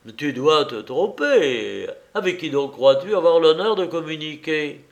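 Man voicing a gallant, teasing gentleman thief in a slow audiobook read. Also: a little high, lively intonation, gravelly. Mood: sly. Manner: gallant, playful. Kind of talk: audiobook reading.

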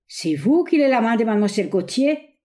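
A woman's voice: a little high, very animated, fairly quick. A woman putting on a blustering Spanish-accented general. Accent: Spanish-tinged French, put on. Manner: loud, raised voice.

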